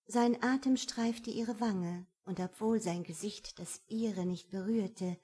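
Slow, husky woman narrating a romance. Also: mid-range voice. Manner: calm, measured, intimate reading. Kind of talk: scripted audiobook narration.

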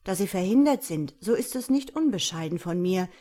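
A woman's voice: lowish voice, animated, moderate pace, dark tone. A woman voicing a tiny, modest male wren who politely offers help.

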